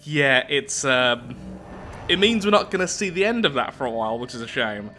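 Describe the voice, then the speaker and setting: A man with a medium-pitched, sing-song voice hosts a strategy game roleplay at a moderate pace, his tone bright and forceful. Chatty and self-deprecating, he pokes fun at himself while mixing casual game commentary with read-aloud storytelling. Faint music plays in the background.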